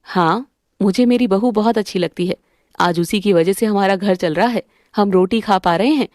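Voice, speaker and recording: A woman's voice: mid-range voice, normal speed, darkish tone, dry recording, studio quality, voice pushed down, lightly acted. A woman voicing an older, weary but loving mother-in-law in a cartoon story. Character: older mother-in-law, warm and weary, kind to her daughter-in-law.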